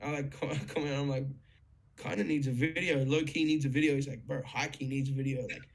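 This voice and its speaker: A young man telling a story in a casual chat, excited, swearing freely and full of fillers. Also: medium pitch, a little fast. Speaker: guest musician.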